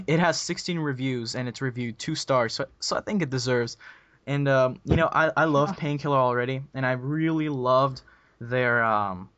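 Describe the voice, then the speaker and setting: A man's voice: medium pitch, moderate pace, a bit bright, no room sound. Young male podcast host, rambling casual delivery, muffled dry headset sound. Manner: rambling, many ums and restarts.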